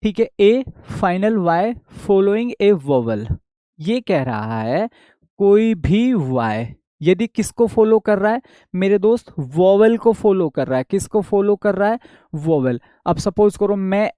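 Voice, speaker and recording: A man's voice: sits high, mellow, no echo, clean studio sound. A young man teaching English spelling rules in an online class, asking and answering his own questions and repeating key points.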